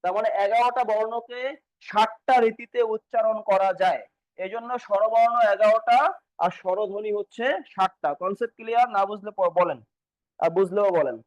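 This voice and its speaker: A man with a high voice leads an exam-prep grammar class. He keeps repeating points and poses questions that he answers himself. The recording is dry and close, with no room sound. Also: moderate pace, a little mellow, no room sound, poor audio. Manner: repetitive, quizzing students and answering himself. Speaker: teacher.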